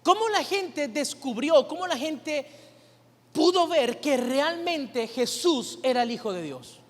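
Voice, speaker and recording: A male pastor preaches in a high, animated voice, taking his time as he throws rhetorical questions at the congregation and draws answers back from them. The long reverb of a church hall rings through his sermon.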